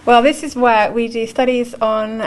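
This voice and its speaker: A woman's voice: a little high, fairly even intonation, normal speed. A woman, an academic researcher, explaining conversationally in an interview.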